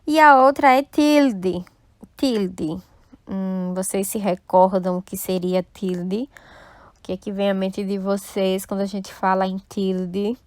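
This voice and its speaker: In a recorded online lesson, a woman who teaches Spanish takes her class through the material slowly, explaining patiently and repeatedly making sure everyone follows. She speaks with a medium pitch and a steady, smooth tone, and the sound is close and dry with no echo.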